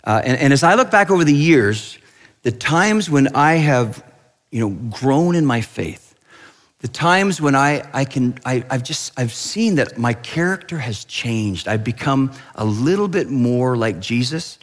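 A man's voice: mid-range voice, animated, unhurried, long reverb tail. A male pastor giving a conversational sermon, telling stories with restarts and asides.

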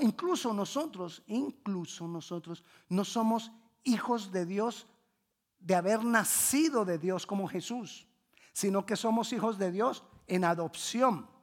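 A Bible class teacher retelling a scripture story, repeating phrases for emphasis, correcting slips mid-sentence and quizzing the class. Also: mid-range voice. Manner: repetitive, emphatic teaching, asks the class questions.

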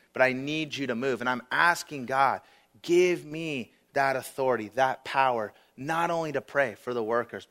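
Guy preaching a sermon, earnest and chatty, lots of "like" and "um", mid-pitched voice. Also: a bit bright. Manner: earnest, conversational, with fillers and quoted prayers. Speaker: guest preacher.

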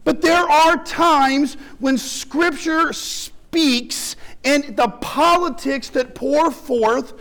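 A man's voice: very high voice, a bit bright. A male pastor delivering an impassioned sermon, building through rhetorical questions.

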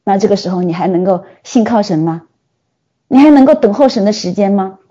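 A woman preacher giving a sermon, telling the story with animated delivery and frequent rhetorical questions. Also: mid-range voice, fairly quick, dull audio.

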